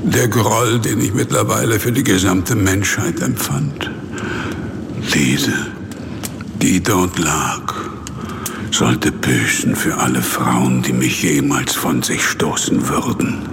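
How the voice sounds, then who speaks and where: A man's voice: deep voice, creaky, background noise, full character voice. A man playing a lonely, misshapen monster in an audio drama, brooding, bitter and anguished. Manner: slow, brooding, swelling into anguished outbursts. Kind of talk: audio drama acting and narration.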